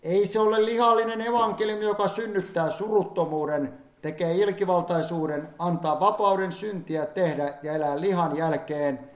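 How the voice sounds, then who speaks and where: A man's voice: high-pitched, fairly even intonation. A man reading an old-fashioned sermon aloud in a solemn, fervent manner, rising in emphasis on pleading passages. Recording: echoey room.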